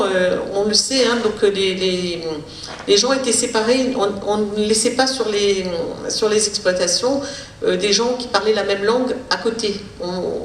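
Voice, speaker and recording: A woman speech therapist giving a public lecture, explaining in a halting way with many hesitations. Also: mid-range voice. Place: lecture hall. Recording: roomy hall, distant mic, faint noise.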